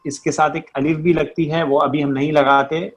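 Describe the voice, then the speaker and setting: A man's voice: a little high, little pitch movement, crowd noise. A man teaching an online Arabic recitation class, patiently drilling letter sounds over and over and often checking that his students follow. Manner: patient, drills sounds by repeating them, keeps checking understanding.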